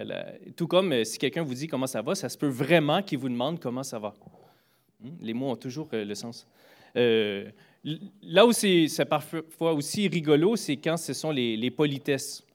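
This is a casual storytelling chat in which a man with a slightly high voice, at normal speed, recounts stories about greetings and manners. He stumbles through many fillers and restarts but stays lively, raising his voice whenever he quotes a phrase.

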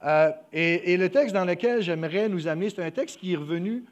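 A young man giving a sermon, emotional and halting, often dropping his voice, with many fillers. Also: sits high. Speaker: preacher.

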